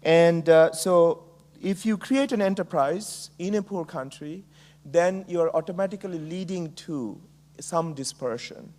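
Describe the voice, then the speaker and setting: Speaking with a Bangladeshi accent, this middle-aged keynote speaker from Bangladesh addresses a conference in measured fashion, with many ums and uhs along the way. His pitch runs a little high, and his tone is slightly mellow.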